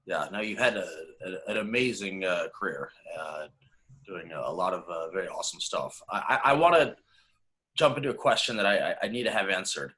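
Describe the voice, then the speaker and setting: A man hosting a casual interview, eager and halting, with lots of fillers as he asks questions. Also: low voice, expressive, sharp tone. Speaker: interviewer, host.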